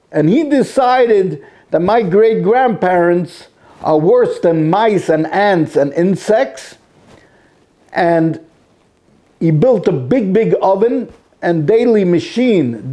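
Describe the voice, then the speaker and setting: A man giving an impassioned sermon-like monologue in a synagogue, repeating himself with dramatic pauses. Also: high voice, mellow. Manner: emotional, repetitive, with dramatic pauses.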